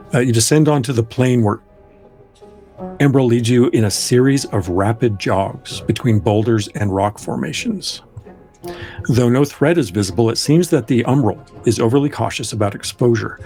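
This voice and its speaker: A man acting as game master, narrating a tabletop fantasy game in measured, literary, dramatic phrasing. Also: mid-range voice, darkish tone. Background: music.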